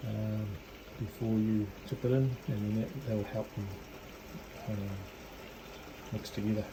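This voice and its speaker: A man with a New Zealand accent gives a casual, hesitant cooking demonstration in his home kitchen, thinking aloud as he works on a cooking video. His voice sits on the low side with fairly even intonation, and he takes his time. The background is noisy.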